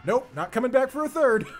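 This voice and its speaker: A man hosting a casual gaming stream, excitable and laughing often as he plays and reads viewer comments. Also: very high voice, moderate pace, faint music behind. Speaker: streamer host.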